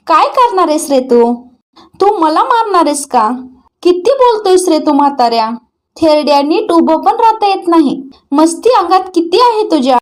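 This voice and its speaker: A woman reading the lines of a rude, scornful woman from a rich household, in an insulting tone. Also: very high-pitched. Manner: insulting and shouting. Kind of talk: dramatic recap reading.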